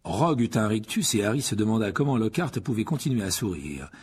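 Husky, expressive male audiobook narrator. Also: on the low side, fairly quick. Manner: expressive storytelling. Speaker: audiobook reader. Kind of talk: scripted narration.

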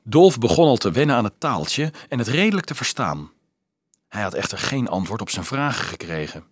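A man narrating an audiobook in an expressive storytelling manner. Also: fairly low pitch, normal speed, breathy edge, no echo.

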